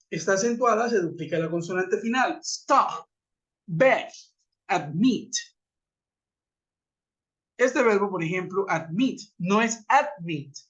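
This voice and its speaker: Over dull, lo-fi web conference audio from a computer mic, a man teaches English grammar in a webinar. His voice sits high and a bit bright as he patiently repeats and spells out examples.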